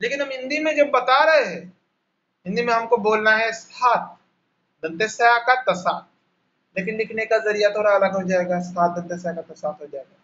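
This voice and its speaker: High-voiced Bengali-accented man teaching online. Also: pushed and bright, muffled recording. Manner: slow, repetitive explaining, spelling out each sound. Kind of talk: online class lesson. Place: home, on a video call. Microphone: laptop mic on a video call.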